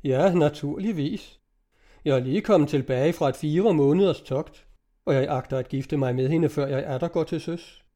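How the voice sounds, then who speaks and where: A man's voice: a little high, warm tone, natural voice. A man reading aloud, voicing a forthright young naval officer in an old-fashioned storybook. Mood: cheerful.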